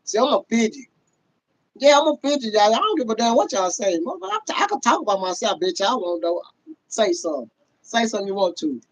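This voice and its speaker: A man, hosting a casual livestream rant. He talks loudly and profanely to his viewers, laughing often. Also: high-pitched, sing-song, quick pace, poor audio. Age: 30s. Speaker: livestream host.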